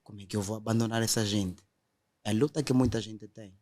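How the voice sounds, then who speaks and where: A man's voice: lowish voice, steady tone, a little fast, a little mellow. Earnest man telling his testimony. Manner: earnest storytelling, quotes others directly. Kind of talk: emotional testimony in conversation.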